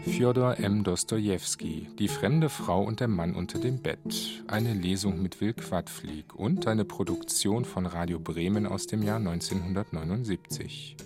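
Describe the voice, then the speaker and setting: A man, a radio presenter, giving a calm, formal announcement. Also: low voice, unhurried, few pauses. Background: guitar music.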